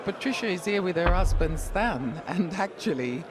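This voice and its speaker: A woman's voice: lowish voice, animated, moderate pace. A woman co-commentating on live darts as a pundit, in a chatty style. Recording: crowd and clear background noise.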